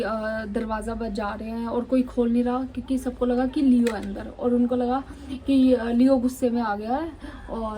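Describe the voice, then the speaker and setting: Woman vlogger from Chandigarh, indignant storytime delivery, fairly high and mellow. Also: a little hiss or hum, poor audio. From Chandigarh, India. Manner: indignant, emphatic retelling with many repetitions. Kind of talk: storytime vlog.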